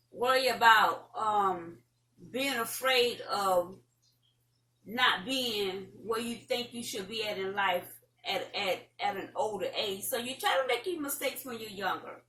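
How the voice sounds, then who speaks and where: A woman's voice: fairly high pitch, bright, forceful tone. A middle-aged woman with a Southern American accent, chatting casually and giving folksy, rambling advice to viewers as an online host. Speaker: host of an online talk show. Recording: roomy, distant mic, faint noise.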